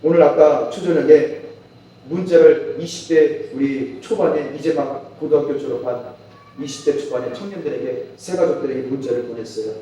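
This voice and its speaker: A man's voice: mid-range voice, normal speed, warm tone, slight background noise. A male pastor preaching a fervent sermon that rises to impassioned pleading, recorded in a church sanctuary. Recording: echoey church hall from far off.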